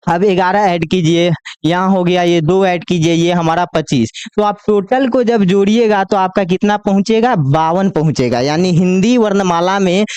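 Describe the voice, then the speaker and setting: A man teaching Hindi grammar in a coaching class, who asks the class questions, answers them himself and draws the letters out slowly as he lists them. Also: high-pitched, darkish tone, clean tone, dry recording. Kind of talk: classroom lecture.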